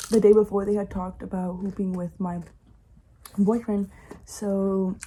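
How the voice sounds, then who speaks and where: Female vlogger, casual chatty storyteller, mid-pitched and very warm, dark timbre. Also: a little hiss or hum. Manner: chatty, giggly, drops in Spanish words.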